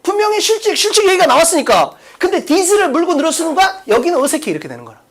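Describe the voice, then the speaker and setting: A man's voice: very high-pitched, sing-song, rapid-fire, a bit bright. A man teaching an exam-prep English lesson in a classroom, blunt and full of rhetorical questions, with crude slang mixed in. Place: classroom in front of a blackboard.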